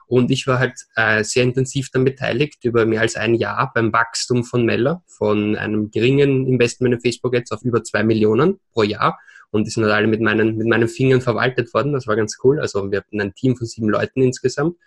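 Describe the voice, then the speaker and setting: Fast and fairly even in intonation, this mid-range male voice belongs to a twenty-something from Vienna being interviewed on a podcast. He talks in Viennese Austrian German, full of hesitations and sprinkled with English words.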